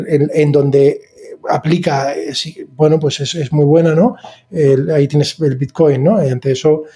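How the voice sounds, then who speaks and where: A man hosting a casual podcast, talking in a chatty, halting way full of fillers and restarts. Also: fairly high pitch, dark tone. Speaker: podcast host.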